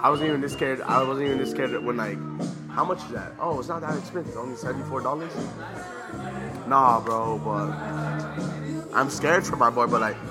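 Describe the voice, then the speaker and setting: A man's voice: mid-range voice, a little fast, pauses often. A man co-hosting a podcast in casual, jokey, boastful banter, peppering his slangy talk with "bro". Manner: slangy, says bro constantly. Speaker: podcast co-host. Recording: music behind the voice. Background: music.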